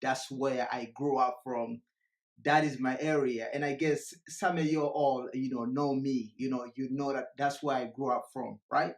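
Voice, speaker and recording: A man from Uganda giving an energetic motivational presentation live from a remote location, often repeating and restarting his words. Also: medium pitch, normal speed, reverberant.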